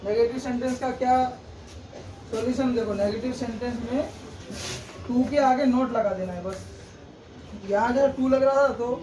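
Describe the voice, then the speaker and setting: A man's voice: very high voice, normal speed, long pauses. Man teaching grammar in an echoey room. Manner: explains step by step, repeats "theek hai" often. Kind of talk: classroom-style grammar lesson. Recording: echoey room, distant mic, background noise.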